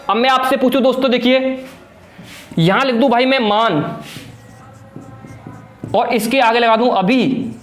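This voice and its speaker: A man's voice: extremely high pitch, echoey room. A young man teaching Hindi grammar for an exam. He keeps asking his own questions, answers them, and urges his viewers like a coach. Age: young adult. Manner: exhorting, calls viewers friends and brother, asks then answers own questions. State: sweating. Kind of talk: exam-prep whiteboard lesson.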